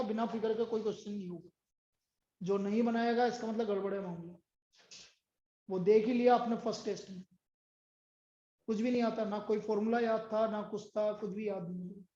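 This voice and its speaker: A man's voice: sits high, dark tone. A man teaching a class, drilling his students with repeated questions and answers and scolding them sternly. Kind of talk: classroom lecture. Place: indoor classroom. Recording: echoey muffled classroom recording.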